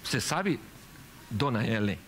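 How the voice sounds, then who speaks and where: A man's voice: mid-range voice, lively intonation, unhurried, a bit bright, a little hiss or hum. A man preaching a sermon in church as pastor, asking the congregation questions and telling stories. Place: church hall.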